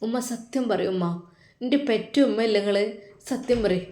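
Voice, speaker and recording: A woman's voice: fairly high pitch, normal speed, lightly acted. A woman voicing a grieving young man who pleads tearfully to find his wife, with a Malappuram Malayalam accent, in a roomy echo. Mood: tearful, pleading. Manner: pleading, hushed.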